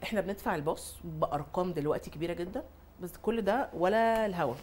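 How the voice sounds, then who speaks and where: Speaking quickly in a lowish voice, an Egyptian Arabic-accented mother and influencer makes comic casual chat on a talk show, frequently laughing and mimicking other mothers as she tells her stories. A little hiss or hum sits under the audio.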